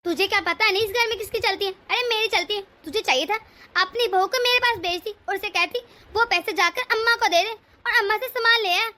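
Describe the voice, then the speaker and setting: A stingy, domineering old mother-in-law rules the house in this cartoon story, voiced by a woman. Her voice sits very high and sounds bright and piercing. She scolds, commands, and sulks theatrically. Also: a little fast. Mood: angry. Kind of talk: cartoon voice acting.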